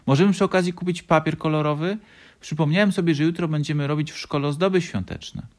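A man's voice: a little high, fairly even intonation, quick pace, voice pushed up, close to an everyday voice. A man doing an eager little fox boy. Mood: excited. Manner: eager, exclaiming.

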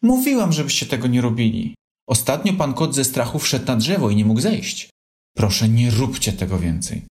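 A man's voice: medium pitch, animated, moderate pace, pitched above the performer's own voice, lightly acted. A man voicing a caring, anxious mother fox who fusses and scolds. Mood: scolding. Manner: worried, fussing.

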